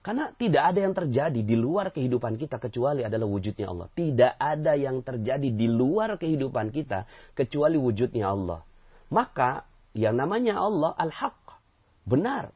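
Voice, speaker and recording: A man teaching a casual sermon to a congregation, animated, often turning to address his listeners and sometimes dropping to a near-whispered mutter. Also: mid-range voice, normal speed, vocal fry, husky, muffled recording. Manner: animated, acts out quotes, keeps addressing listeners. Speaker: Islamic teacher.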